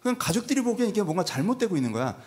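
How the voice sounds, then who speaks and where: A man preaching a Sunday sermon in a church, conversational and animated, slipping into playful voiced asides. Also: high voice, rapid-fire. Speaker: pastor. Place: church sanctuary.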